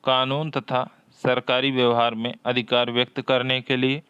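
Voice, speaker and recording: A man teaching a Hindi exam-prep lesson, reading each question aloud, often twice, and explaining the answer deliberately. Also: mid-range voice, flat delivery, a bit bright, clean tone, no room sound, dull audio.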